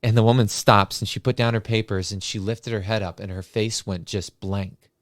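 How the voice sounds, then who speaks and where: A man's voice: on the low side, steady tone, moderate pace, no room sound, studio quality. A man hosting a podcast, telling a school anecdote casually and animatedly, with many filler sounds. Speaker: podcast host and classroom paraprofessional. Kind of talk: casual storytelling.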